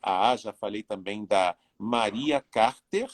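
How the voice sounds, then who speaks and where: This live show host and interviewer is a man in his sixties with a fairly low voice and a slow pace. He chats with plenty of fillers while greeting viewers on a live video interview.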